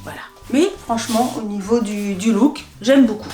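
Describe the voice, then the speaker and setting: A woman's voice: fairly high pitch, moderate pace, warm tone, soft background music. A woman chatting casually through a clothing try-on haul, talking to herself and laughing often. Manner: playful sound effects and filler words. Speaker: fashion haul vlogger.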